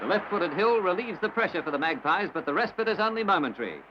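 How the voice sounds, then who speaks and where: An Australian newsreel commentator with a high voice delivers very animated sports commentary in a brisk, formal announcer style. The sound is that of an old film soundtrack, dull and lo-fi with hiss.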